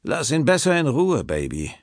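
A man's voice: mid-range voice, wildly swooping pitch, moderate pace, no room sound, studio quality, voice pushed up. A male narrator playing a confident poker host who needles the other players. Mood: smug.

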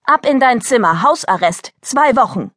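A woman voicing an angry, frightened mother who shouts slowly and sternly at her daughter in an audiobook. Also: fairly high pitch, animated, no room sound, clean studio sound. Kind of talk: audiobook character voice.

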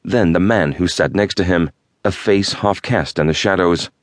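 A man narrating a thriller audiobook in a measured, steady storytelling manner. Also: sits low, no room sound, clean studio sound.

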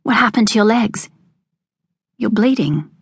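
A woman's voice: a little high, expressive, measured pace, breathy edge, no room sound, clean studio sound, pitched above the performer's own voice, full character voice. A woman voicing a fiery, spirited young farm girl who talks back sharply. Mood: concerned. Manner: indignant, sharp-tongued.

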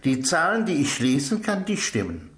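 An eager little Egyptian boy, as a man puts him on, pitched well up and earnest in a children's storybook reading. The voice rings a little in a roomy space. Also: very animated, normal speed, a bit bright. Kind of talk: children's audiobook character voice.

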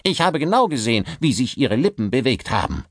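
A man's voice: on the low side, wildly swooping pitch, moderate pace, dry recording, clean studio sound, voice pushed up, exaggerated voice. A man voicing a pompous, suspicious theatre director who questions sharply and indignantly. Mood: angry. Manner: indignant, interrogating.

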